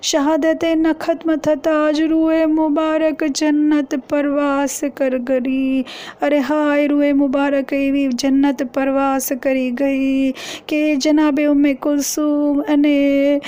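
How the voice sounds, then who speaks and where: A woman preaching a mourning sermon, reciting it as a lament with drawn-out cries of grief. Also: high-pitched, completely flat delivery, mellow.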